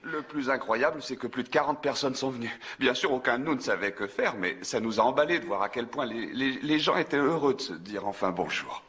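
A man's voice: medium pitch, lively intonation, fairly quick, few pauses, a bit bright, lightly acted. A man playing a rambling, eager soda clerk. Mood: nervous. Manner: rambling, eager, stumbling restarts. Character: talkative nervous small-town soda clerk man. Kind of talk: dubbed film acting.

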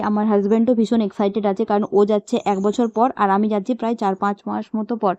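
A young woman vlogger chats casually and emotionally, speaking straight to her viewers and growing upset later on. Her voice is fairly high and darkish, recorded dry with the highs cut off.

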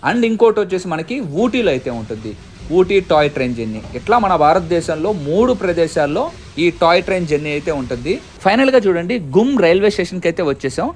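A male travel vlogger from India talks fast and chatty, keeping viewers with him as he points things out. His voice sits high. It is recorded outdoors along a toy train journey. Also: slight background noise. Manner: chatty, guiding viewers with "look here". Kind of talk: casual travel vlog narration.

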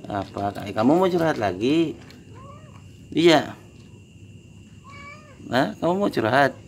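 Gravelly man coaxing stray cats. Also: mid-range voice, very animated, takes it slowly, a little hiss or hum. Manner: coaxing, calls and repeats short words to cats. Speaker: vlogger feeding stray cats. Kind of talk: casual talk to animals. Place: outdoor market at night. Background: cats and passing vehicles.

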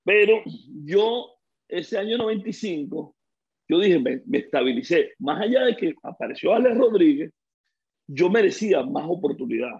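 A middle-aged Venezuelan man and former baseball player, speaking with a Venezuelan Spanish accent, is a guest in a casual interview. His gravelly, somewhat husky voice is pitched a little high, and at a moderate pace he tells lively stories, acting out the voices of people he quotes. The recording sounds dull and lo-fi.

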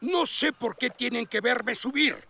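A man voicing a blustering, nervous older fire officer with a gravelly voice in a cartoon dub. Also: very high voice, measured pace, bright, forceful tone, a little hiss or hum, exaggerated voice. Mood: boastful, uneasy. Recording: music under the dialogue.

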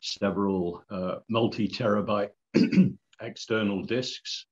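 Low-voiced man on a muffled call. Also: slow. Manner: relaxed, with hesitant fillers. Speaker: participant. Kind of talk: video call conversation. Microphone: video call. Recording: muffled video call audio.

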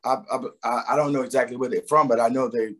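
The voice belongs to a middle-aged Philadelphia man, a singer invited as a guest for a relaxed interview chat over video call. Captured by his webcam in a room at home with a door behind, he speaks at a medium pitch and rambles easily, with many pauses, hesitations, fillers and restarts.

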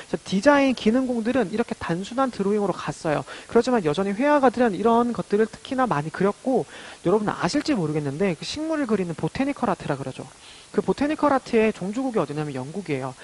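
A man's voice: high voice, rough recording. A man lecturing on art education for exam preparation, explaining the material step by step and often asking a question and then answering it himself. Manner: explanatory, asks and answers his own questions.

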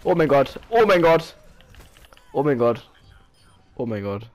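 A man commentating his own match while playing, excitable, often exclaiming and laughing. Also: mid-range voice, measured pace. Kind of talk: casual gaming commentary.

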